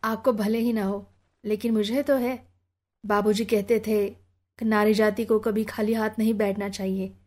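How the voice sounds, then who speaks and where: A woman reading the lines of a proud, sensitive wealthy young woman in an audiobook, in sharp but formal speech. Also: mid-range voice, little pitch movement, moderate pace, natural voice. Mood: composed.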